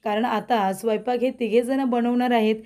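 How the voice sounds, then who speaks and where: Female recap narrator, mellow voice, slightly high, reads all the parts herself. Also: steady tone, normal speed. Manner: reads all the characters' lines in her own voice, addressing viewers. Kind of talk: scripted narration retelling a TV serial episode.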